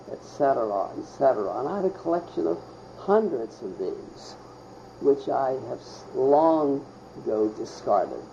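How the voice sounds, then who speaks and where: An older man from Pittsburgh reminiscing in an interview, halting and searching for words with many pauses. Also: medium pitch, vocal fry, a little hiss or hum. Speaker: oral history interviewee. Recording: muffled, with loud crickets behind.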